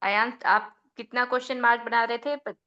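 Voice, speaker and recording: A woman's voice: on the high side, steady tone, normal speed. A woman prompting students in an online class, giving firm, direct instructions over a video call. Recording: dull lo-fi call audio.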